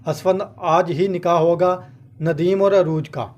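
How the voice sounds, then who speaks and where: A man's voice: sits high, steady tone, unhurried, darkish tone, lo-fi sound. A man voicing a harsh, stubborn middle-aged aunt who scolds the family, in a storybook reading. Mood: angry.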